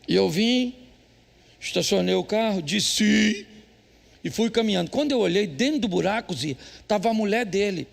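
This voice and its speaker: Gravelly high-voiced Brazilian pastor. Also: male voice, lively intonation, normal speed. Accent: Brazilian Portuguese. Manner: joking, teasing, addresses husbands bluntly. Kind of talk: humorous sermon with storytelling. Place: church service.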